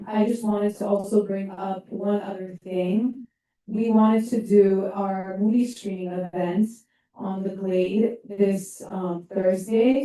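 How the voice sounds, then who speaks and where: A woman's voice: mid-range voice, dark tone. Earnest young woman in an echoey hall. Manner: earnest, halting with fillers. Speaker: student club speaker. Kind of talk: public comment at a meeting. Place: large meeting room. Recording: echoey hall, mic from a distance.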